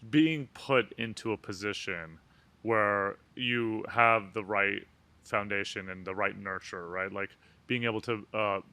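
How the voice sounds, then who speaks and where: A man's voice: on the low side, sharp tone. A young adult man hosting a casual interview, upbeat and friendly. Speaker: host.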